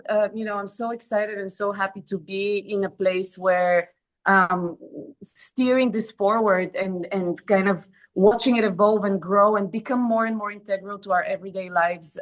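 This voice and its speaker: A woman's voice: mid-range voice, fairly even intonation, a little slow, poor audio. A woman from Bulgaria, a guest in an interview, speaking casually with many fillers and restarts.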